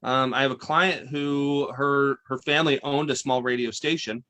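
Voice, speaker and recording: A man in his forties, a guest financial advisor, chatting in an interview with intense, animated storytelling and frequent restarts. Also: mid-range voice, normal speed. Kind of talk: casual interview chat.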